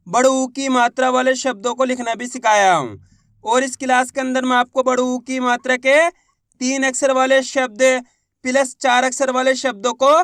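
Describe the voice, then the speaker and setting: A man's voice: extremely high pitch, fairly bright tone, clean tone, dry recording, clean studio sound. A man teaching a reading lesson step by step, patiently asking and answering his own questions and drilling each sound.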